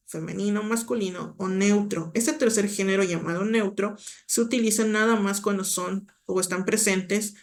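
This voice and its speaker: A woman teaching an exam-prep grammar lesson, patiently explaining and talking directly to the student with checking questions. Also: medium pitch.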